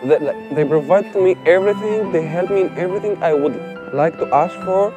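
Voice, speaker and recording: A young man from Syria speaks, softly and hesitantly. His pitch sits a little high. Clear music plays under his voice. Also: brisk. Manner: soft-spoken, hesitant, with fillers. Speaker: refugee. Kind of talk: documentary interview.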